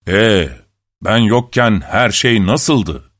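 A man voicing Bluebeard, a cruel nobleman who growls and speaks slowly and threateningly. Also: lowish voice, a bit bright, no room sound, clean studio sound, exaggerated voice. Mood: cold. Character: menacing cruel male nobleman, older.

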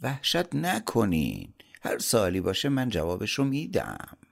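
A man voicing a clever, cheerful young male traveler who speaks calmly and confidently. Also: on the low side, creaky, husky, heavily acted. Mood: reassuring.

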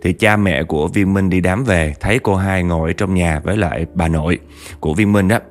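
A man's voice: low-pitched, fairly quick. A man with a Southern Vietnamese accent telling a spooky story in a chatty way, talking straight to his listeners. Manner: chatty, addresses listeners directly, acts out quotes.

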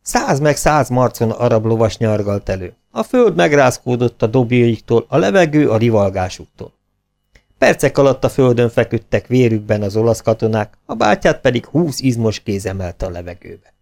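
A man reading a children's audiobook aloud, expressive, dropping his voice on the narration tags. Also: medium pitch, creaky. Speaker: audiobook reader.

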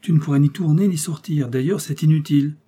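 A man reading aloud and voicing a brisk, commanding male henchman in disguise. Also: fairly high pitch, mellow, slightly rough. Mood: urgent. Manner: urgent, commanding.

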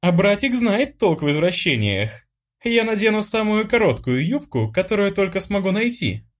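A man voicing an excitable, bossy teenage sister. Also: moderate pace. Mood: coaxing. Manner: high, breathy, excitable. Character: teasing, bold teenage sister, playful and bossy. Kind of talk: audiobook character voice.

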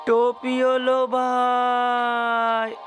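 A man voicing a cheerful male cap peddler who hawks his wares in drawn-out singsong calls. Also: extremely high pitch, monotone, fairly bright tone, faint music behind, pitched above the performer's own voice, heavily acted. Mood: singsong hawking.

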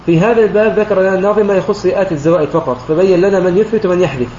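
Fast, high-voiced sheikh teaching recitation. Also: male voice, mellow. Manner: methodical, often pauses to clear his throat and correct himself. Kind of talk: line-by-line explanation of a recitation poem. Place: online voice chat room. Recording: roomy, dull lo-fi online voice chat with faint noise.

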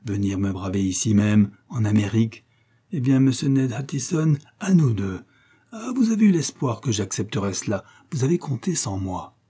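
A man's voice: lowish voice, sing-song, normal speed, warm tone, slightly rough. A man playing a doting, blustering rich father in an audiobook, coaxing with forced jovial cheer. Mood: growling.

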